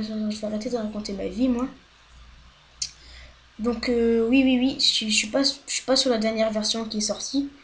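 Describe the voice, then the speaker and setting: A woman's voice: mid-range voice, fairly bright tone, slight background noise. A woman giving casual, rambling let's-play commentary into a headset microphone at home, chatting freely, swearing often and apologizing a lot. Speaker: gaming video host.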